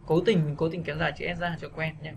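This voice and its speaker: A man's voice: fairly high pitch, level tone, gravelly, background noise. Patient male teacher. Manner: patient, repeats words slowly for practice. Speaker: English pronunciation teacher. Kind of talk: video lesson.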